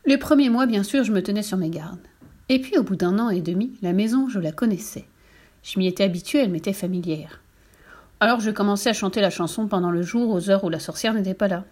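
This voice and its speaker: Expressive woman reading a story aloud. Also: mid-range voice, fairly quick. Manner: expressive and lively, with put-on voices for the characters. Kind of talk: storybook reading in the first person.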